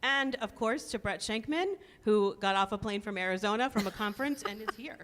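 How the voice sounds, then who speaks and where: Animated and brisk, a woman with a mid-range, fairly bright voice gives a casual welcome and thanks to guests and helpers before a service. As congregation leader she's chatty and cheerful, laughing often, and the recording carries a synagogue sanctuary's long hall reverb.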